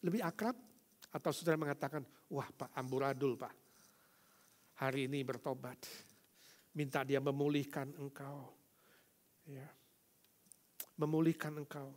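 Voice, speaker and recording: A man pastor preaching a sermon, shifting between loud exclaiming and soft, slow pleading, and acting out quoted voices in his stories. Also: medium pitch, little pitch movement.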